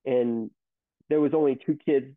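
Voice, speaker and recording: A company CEO in his thirties speaks at a moderate pace in a mid-range voice with a steady tone. In a casual interview his storytelling rambles, with many restarts. The tinny, phone-like recording is dry, with no room sound.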